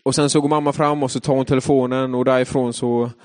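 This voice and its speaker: A young man giving a casual, chatty devotional talk, telling a personal story and pausing often with hesitation sounds. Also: mid-range voice, level tone.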